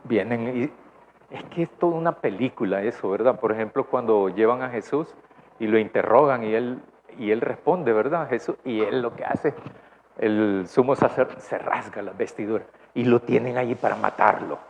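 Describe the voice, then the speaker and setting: At normal speed and medium pitch, a Salvadoran-accented pastor preaches conversationally in church. He frequently asks the congregation questions, using the tag "¿verdad?", and the recording is dull and lo-fi with faint noise.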